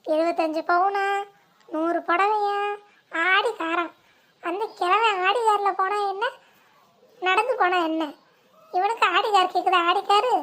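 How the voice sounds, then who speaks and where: A woman's voice: very high voice, fairly even intonation, measured pace, long pauses, pushed and bright, full character voice. A woman acting a fretful village mother and her chatty relatives in a comic family skit, with dramatic gossiping talk.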